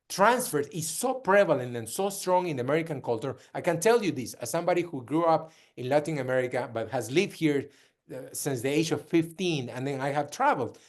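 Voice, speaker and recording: Man, from Peru, slightly high pitch, earnest, repeats and restarts phrases, host talk. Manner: earnest, with frequent restarts and repetition. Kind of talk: direct-to-camera talk.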